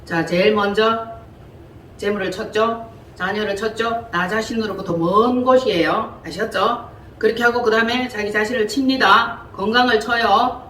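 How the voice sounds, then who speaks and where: A woman leading an interactive Bible lesson, talking in a lively, colloquial way and quizzing her listeners. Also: mid-range voice, moderate pace. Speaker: Bible teacher. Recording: echoey room from far off, faint hiss.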